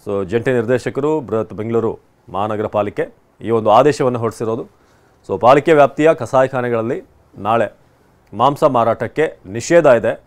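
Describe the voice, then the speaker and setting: A man's voice: medium pitch, normal speed. A man delivering a spoken news report in a loose, conversational way, with fillers and restarts. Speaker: news anchor.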